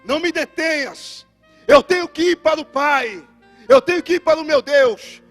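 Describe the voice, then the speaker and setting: A calm, authoritative Jesus, acted out by a man preaching in a Brazilian Portuguese accent. He speaks loud and solemn in a very high voice, with faint music underneath. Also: moderate pace.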